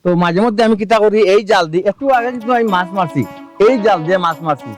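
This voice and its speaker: A man doing a boastful Sylheti village husband in a comic drama, his voice sitting high for a man as he rattles off showy patter to his viewers. Faint music plays underneath. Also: fast talker, lightly acted. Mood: showing off. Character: boastful village husband eating raw fish for views. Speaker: husband filming a food video.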